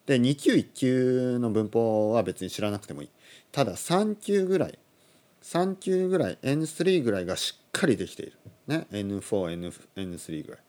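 A man in his thirties teaching on a casual podcast, animated, chuckling, and correcting his own phrasing aloud. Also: mid-range voice, a little fast. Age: 30s. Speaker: Japanese language teacher, podcast host.

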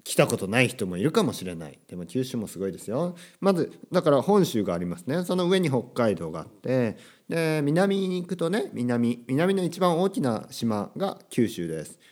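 Talking briskly with few pauses, this Kyushu-born man hosts a relaxed solo podcast for language learners in a standard accent. His mid-range voice is darkish and very animated. He chats away self-deprecatingly, tossing in frequent filler asides and rhetorical questions to the listener.

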